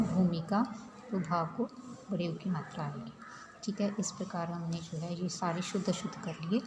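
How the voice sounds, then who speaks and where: A woman teacher with a fairly low voice works through a grammar worksheet. She explains each item in a steady, patient way and keeps checking in with her students. The room echoes and a loud hum sits under her voice.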